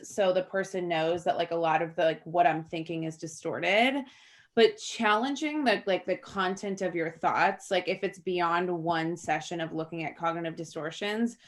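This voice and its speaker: A woman therapist talking as a podcast guest in a casual, chatty way, filling her speech with "like". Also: on the low side.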